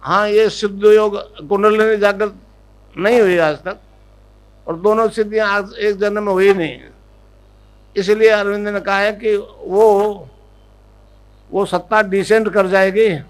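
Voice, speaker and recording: A man giving a devotional discourse as a spiritual guru, teaching in an instructive way, often checking that listeners have understood and repeating a chant slowly for them to follow. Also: sits high, fairly even intonation, rough recording.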